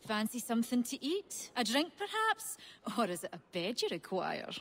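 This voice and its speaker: A woman's voice: a little high, huge pitch swings, moderate pace, husky, heavily acted. A woman voicing a fiery tavern keeper in a video game, swinging from scolding to syrupy hospitality. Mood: sugary. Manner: scolding then sweetly hospitable. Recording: game audio with reverb and background noise.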